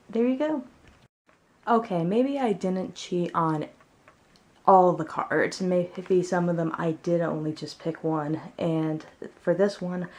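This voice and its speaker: A woman's voice: lowish voice, vocal fry, a little mellow. A woman chatting casually at home as she presents her favorites in a vlog. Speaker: tarot deck reviewer.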